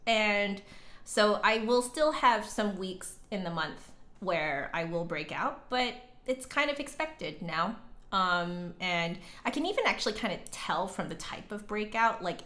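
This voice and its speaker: A woman with a medium-pitched, slightly bright voice hosts a casual livestream, chatting with viewers and reading and answering their comments. She's a flute musician and teacher, and she thinks aloud in a rambling, hesitant way. The sound is roomy and echoey, as if recorded indoors.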